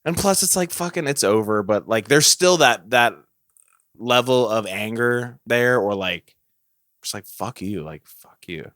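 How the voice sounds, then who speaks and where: A man's voice: medium pitch, a little slow, a bit bright, dry recording, studio quality. A young man co-hosting a casual podcast chat, talking candidly and musing, with frequent swearing. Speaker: podcast co-host.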